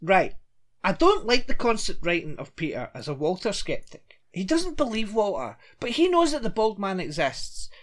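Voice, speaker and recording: Chatty man with lively pitch. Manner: chatty, rambling, quick to laugh. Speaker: podcast co-host. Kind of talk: casual recap chat.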